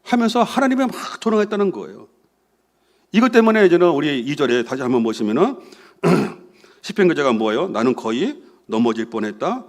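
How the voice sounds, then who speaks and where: Man, pastor, sermon, lively rising and falling voice, slightly high pitch. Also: a little fast. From Korea. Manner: animated, acts out voices of doubters and mockers; asks the congregation questions and answers with "예".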